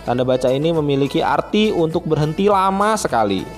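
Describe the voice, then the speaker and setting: A man's voice: on the high side, animated, fairly quick, faint music behind. A man who is a primary school teacher, giving a friendly, chatty online lesson to children and often starting phrases with a filler.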